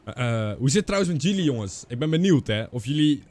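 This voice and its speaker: A man's voice: mid-range voice, very animated, quick pace, a little mellow. A young man with a stuffy nose from a cold gives casual gaming commentary on a close mic, mixing in English slang. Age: young adult. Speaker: streamer. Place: indoor streaming setup. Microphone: close boom microphone.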